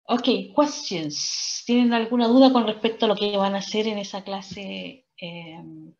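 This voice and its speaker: A woman's voice: medium pitch, steady tone, normal speed, creaky, a little mellow, highs cut off. A woman teaching an online English class, checking in with "¿cierto?" and "¿ok?" after nearly every phrase. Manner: peppers speech with "¿cierto?" and "¿ok?".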